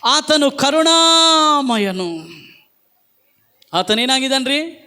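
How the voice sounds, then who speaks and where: A man's voice: very high-pitched, very slow, sharp tone. A male pastor, preaching emphatically at a church service and calling the congregation to repeat after him. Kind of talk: Pentecostal-style sermon.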